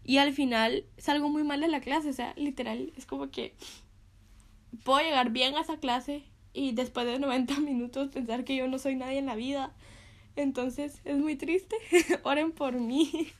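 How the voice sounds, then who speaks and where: A woman's voice: high voice, fairly even intonation, normal speed. A young woman sharing a casual devotional talk, chatty and full of fillers, often laughing between phrases.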